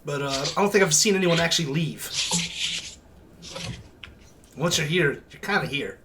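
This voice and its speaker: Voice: medium pitch, lively intonation, normal speed, very noisy, close to an everyday voice. A game master voicing a wry, resigned local man in a fantasy tabletop game, speaking offhandedly.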